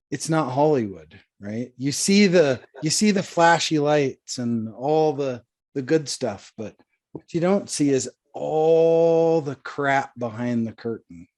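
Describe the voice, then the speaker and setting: Laid-back guy cohost, talks slow, keeps saying right. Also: mid-range voice. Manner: relaxed, rambling with repeated "right?". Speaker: podcast co-host. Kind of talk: casual interview chat.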